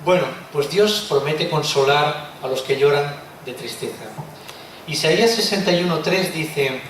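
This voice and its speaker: Man, expressive preacher, a bit high-pitched, recorded far off with faint noise. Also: a little slow, heavy reverb. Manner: expressive, rhetorical questions, tag words like "¿eh?". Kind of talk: sermon. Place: church hall.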